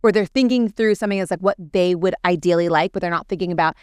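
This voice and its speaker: Upbeat woman interviewer, smooth voice. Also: on the low side, fast talker, dry recording, studio quality. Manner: upbeat, curious questioning. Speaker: podcast host, interviewer. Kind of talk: casual interview conversation.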